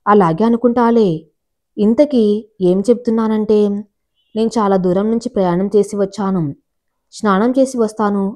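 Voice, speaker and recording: A woman's voice: mid-range voice, normal speed, long pauses, dark tone, lightly acted. Woman voicing a coy teasing young woman.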